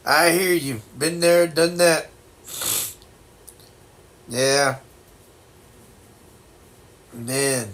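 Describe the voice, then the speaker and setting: A man in his sixties chatting casually as a livestream host, with a blocked-nose sound and a halting, reflective, folksy way of reassuring people. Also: a little high, a bit bright. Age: 60s. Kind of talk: casual chat.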